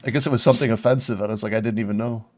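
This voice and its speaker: A man's voice: on the low side, fairly even intonation, rapid-fire, a little mellow, no echo. A man in casual chat who jokes, swears and laughs a lot. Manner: joking, laughs often, swears. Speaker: co-host.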